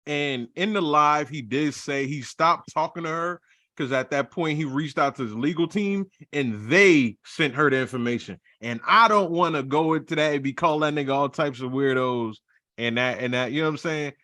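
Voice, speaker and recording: A young man hosting a casual podcast with a bright, forceful tone on a dry close mic. He talks in a measured, careful way and moves the group from topic to topic. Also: on the high side, dry recording. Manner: measured, cautious, steers the discussion.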